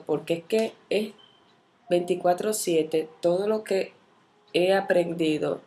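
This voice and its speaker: A woman teaching a Bible study, telling a personal story in a candid, expressive way and acting out the dialogue as she goes. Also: low-pitched. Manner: candid, self-reflective.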